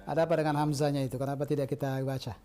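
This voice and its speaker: A man's voice: mid-range voice, level tone, racing, mellow. A man teaching an Arabic lesson on radio, patiently correcting students with short affirmations.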